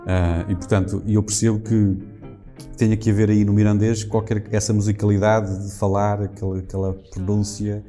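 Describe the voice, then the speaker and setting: A man interviewing a guest, asking quick follow-up questions and chiming in to agree. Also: on the low side, level tone, mellow, soft background music.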